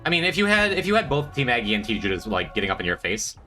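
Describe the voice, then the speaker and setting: This is casual gameplay commentary from a man whose congested, stuffy voice comes out rapid-fire, pushed and bright, with big swings in pitch. He rambles at his own expense to his chat, cracking squeaky high-pitched jokes over soft background music.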